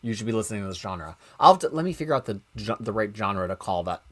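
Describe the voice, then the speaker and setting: A man's voice: lowish voice, animated, fast talker. A man co-hosting a show in casual chat, thinking aloud and often breaking off to restart his sentences. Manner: rambling, self-interrupting, thinking aloud. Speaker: show co-host.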